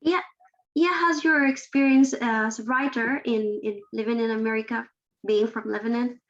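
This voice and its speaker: Halting woman reader on a dull call line. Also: a little high, fairly even intonation, a bit bright. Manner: halting, searching for words and restarting. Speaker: book club reader asking the author a question. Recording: dull lo-fi video call audio.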